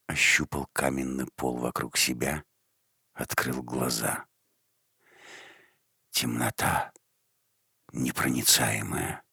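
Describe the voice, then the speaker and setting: A man narrating an audiobook story in a measured, deliberate way. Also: rumbling low, creaky, bright, forceful tone, slightly rough, dry recording, clean studio sound.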